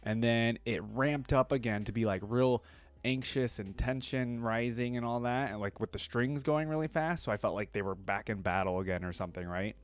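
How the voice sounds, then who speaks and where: A man with a medium-pitched voice and a clean tone speaks at a moderate pace. He's a video creator giving casual, enthusiastic, exclamatory reactions, with orchestral music from the reviewed track in the background.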